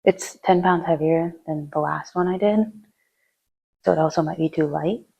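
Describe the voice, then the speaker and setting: A woman's voice: deep voice, steady tone, normal speed, creaky, a little mellow, breathy edge, muffled recording. A woman chatting through her gym workout, giving casual lifting tips between sets, sometimes out of breath. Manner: chatty, rambling, with fillers. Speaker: fitness vlogger.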